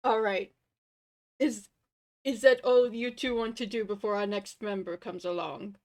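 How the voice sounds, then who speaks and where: A woman running a tabletop game, making quick, giggly asides. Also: mid-range voice, fairly even intonation, a little mellow. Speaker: game master.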